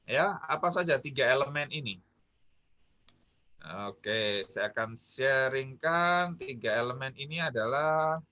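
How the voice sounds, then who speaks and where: A man's voice: fairly high pitch, pushed and bright, muffled recording. A man from Indonesia giving a casual online talk on communication, peppered with fillers and questions to his audience. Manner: chatty, peppered with "ya" and "gitu kan". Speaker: business trainer.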